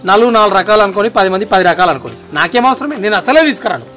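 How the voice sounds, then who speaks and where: An impatient young village son argues with his mother in a very high, bright, forceful voice with a Telangana accent, as an actor plays him. He talks fast and brushes objections aside. Light music plays behind him. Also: animated. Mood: angry. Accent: Telangana Telugu. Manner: brisk, exasperated arguing. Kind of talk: family drama acting. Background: background music.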